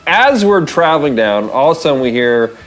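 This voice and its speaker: In a small wood-panelled room, an American show host tells a story in a mid-range voice that runs a little fast. He's animated and expressive, repeating phrases for emphasis as he mixes casual storytelling with devotional encouragement, faint music behind him.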